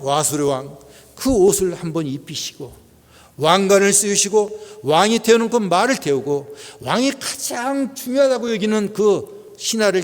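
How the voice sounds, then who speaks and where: A man's voice: a little high, in a large hall. A middle-aged male pastor preaching a Sunday sermon in a conversational way, putting questions to the congregation. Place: church sanctuary.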